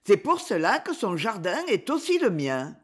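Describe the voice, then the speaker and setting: A woman's voice: mid-range voice, very animated, moderate pace, slightly rough. A woman voicing a kind, cheerful young woman who reassures children. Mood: kindly. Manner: warm, reassuring.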